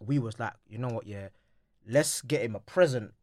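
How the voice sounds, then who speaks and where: A young man with a London roadman accent and street slang, bantering casually and telling stories in an animated, repetitive way. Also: medium pitch, moderate pace, dry recording, studio quality. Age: young adult. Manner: slangy, repeats phrases, animated storytelling. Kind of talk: casual banter in a group chat.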